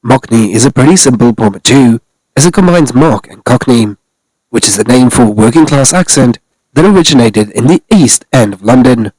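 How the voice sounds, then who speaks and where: A man's voice: mid-range voice, expressive, normal speed, a little mellow, dry recording, low-quality recording. A man narrating a scripted celebrity news commentary, reading steadily from articles.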